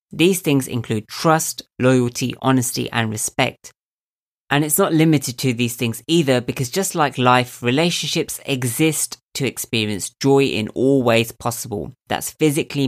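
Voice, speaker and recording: Nasal, slightly squeaky man musing aloud. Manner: calm, thoughtful, addresses listener directly. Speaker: podcast host. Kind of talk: reflective self-help monologue.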